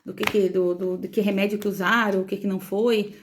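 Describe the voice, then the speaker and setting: A woman with a Brazilian Portuguese accent, telling her story as the mother of a premature baby, in an emotional and halting way, repeating words as she goes. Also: mid-range voice, little pitch movement, a little hiss or hum. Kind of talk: personal testimony vlog.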